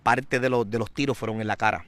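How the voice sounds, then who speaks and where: A man giving a personal testimony in an interview, a vivid, dramatic storyteller who grows louder and more intense. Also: on the low side, steady tone, fast talker.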